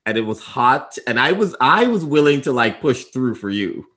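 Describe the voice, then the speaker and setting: A man's voice: mid-range voice, big pitch swings, normal speed, fairly bright tone. A man co-hosting a casual podcast chat, playful and teasing, laughing often. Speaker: podcast co-host.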